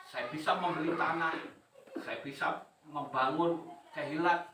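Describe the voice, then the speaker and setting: A man preaching a sermon to his congregation, animated and chuckling, often putting questions to them. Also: fairly high pitch, a little slow, noisy background. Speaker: pastor. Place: church hall. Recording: roomy hall, voice from a distance.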